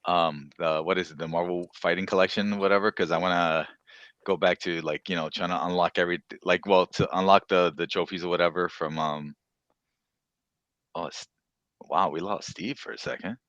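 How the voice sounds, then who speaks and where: A man with a deep yet bright, forceful voice hosts a casual podcast. He rambles through asides in a loose, chatty way, recorded close and dry. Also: steady tone, moderate pace, no room sound, lo-fi sound. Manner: rambling, swearing, many "you know" asides. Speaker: podcast host. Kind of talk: casual chat about games and shows.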